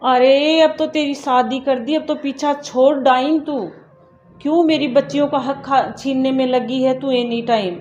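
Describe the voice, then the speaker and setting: An actress playing a cold, dismissive stepmother who shouts insults in a family drama. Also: high-pitched, big pitch swings, unhurried, reverberant. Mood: scolding. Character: harsh scolding stepmother, middle-aged woman. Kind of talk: amateur family short-film acting. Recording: dull lo-fi audio, soft music.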